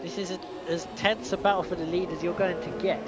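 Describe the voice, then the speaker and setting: A man with a high voice co-commentating a sim race, relaxed and analytical, often trailing off quietly. Racing game engines roar loudly behind him. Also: fast. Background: racing game engine noise.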